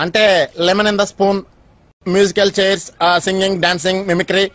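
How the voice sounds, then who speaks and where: An actor playing a comic sidekick who protests and boasts under police questioning. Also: male voice, high-pitched, flat delivery, quick pace, fairly bright tone, dry recording. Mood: boastful. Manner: bewildered, protesting, self-praising. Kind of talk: film comedy acting.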